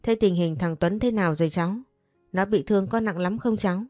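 A woman's voice: medium pitch, a little fast, dark tone, no echo, faint music behind, lightly acted. A woman voicing a concerned older neighbor who breaks bad news in a plain, chatty way.

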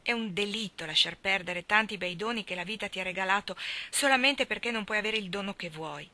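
A woman's voice: mid-range voice, a little fast, sharp tone. A woman reading aloud, voicing an earnest young woman who lectures in a sure tone. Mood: lecturing. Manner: sure, preaching tone.

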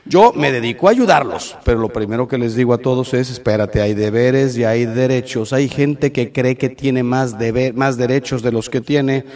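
A middle-aged man with a Mexican accent, a priest giving a lively talk to young people, emphatic and ironic, his voice jumping suddenly in pitch and loudness, with quick anecdotes and sarcastic asides.

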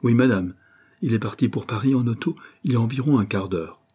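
A man's voice: mid-range voice, fairly quick, dark tone, husky, natural voice. A man voicing a polite, deferential male house servant in an audiobook reading.

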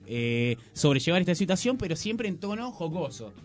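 An Argentine man reviewing new films on a radio show, relaxed and full of hesitant fillers. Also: fairly high pitch, moderate pace, faint music behind. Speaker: film critic on a radio show.

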